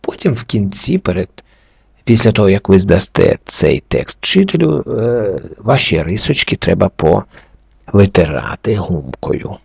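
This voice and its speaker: Slow, gravelly-voiced male teacher. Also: on the low side, big pitch swings, no echo. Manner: methodical, slowly walks through each letter rule. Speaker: French teacher. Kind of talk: recorded reading lesson.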